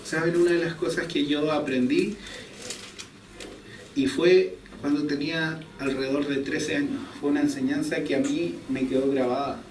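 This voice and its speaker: A man's voice: fairly high pitch, darkish tone. Young man, preaching from a distance, echoey room, faint ambient noise. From Chile. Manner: conversational storytelling, chuckles at himself. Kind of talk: sermon with personal story. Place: church hall.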